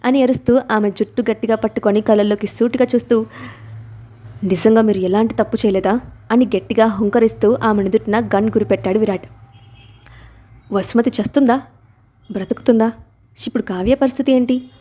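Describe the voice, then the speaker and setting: A woman narrating a serialized novel in a dramatic, steady storytelling manner. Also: a little high, a little fast.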